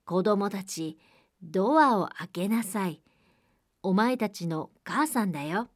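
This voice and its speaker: A woman's voice: medium pitch, lively intonation, slow, dry recording, studio quality. A woman voicing a cunning, hungry wolf in a storybook reading, coaxing in a falsely sweet voice.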